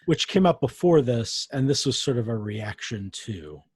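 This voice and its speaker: A man's voice: mid-range voice, very animated, moderate pace, a little mellow, slightly rough, no echo. A young adult man co-hosting a podcast in casual chat, making dry, wry remarks. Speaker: podcast co-host.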